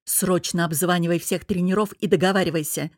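A woman's voice: fairly low pitch, fairly even intonation, brisk, darkish tone, dry recording, natural voice. A woman reading the part of a tall, broad-shouldered gym boss who talks curtly and jokes a little, in a storybook read with a dry close sound. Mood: barking orders. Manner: curt, gruff, half-joking. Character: confident man, gym boss, brusque but friendly.

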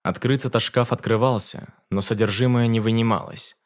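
A man narrating a fantasy audiobook in a measured, dramatic reading. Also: mid-range voice, steady tone.

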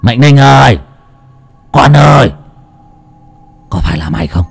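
A man's voice: medium pitch, lively intonation, measured pace, creaky, faint music behind. A man voicing a nervous old father who anxiously calls out for his son. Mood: uneasy calling.

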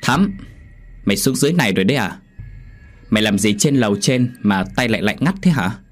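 A man's voice: fairly low pitch, expressive, moderate pace, slightly rough. A man voicing a pushy older mother who scolds and nags her grown son, in an audio horror story. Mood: calling out. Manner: nagging, chiding.

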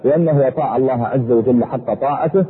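A man preaching a sermon in a husky voice, fervent, his pitch sweeping up and down. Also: quick pace. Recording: echoey hall over a tinny phone-like line.

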